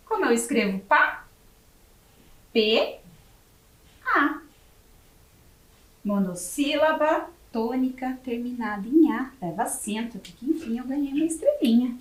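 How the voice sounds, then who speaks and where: Brazilian woman teacher, Brazilian Portuguese accent, slow and sing-song, higher voice, roomy echo, a bit far from the mic. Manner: slow, spelling words letter by letter. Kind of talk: TV lesson for young children. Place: classroom studio for educational TV.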